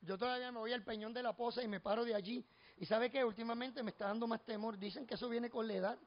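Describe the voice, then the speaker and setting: High-voiced Puerto Rican preacher. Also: male voice, fairly even intonation, fast talker, muffled recording. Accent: Puerto Rican Spanish. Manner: storytelling, builds to fervent repeated refrains. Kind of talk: expository sermon with personal stories.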